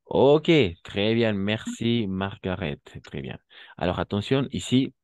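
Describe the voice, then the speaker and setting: A man teaching a French class, explaining pronunciation patiently, modeling words slowly and often checking that students follow. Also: lowish voice, lively intonation, a little mellow, no room sound.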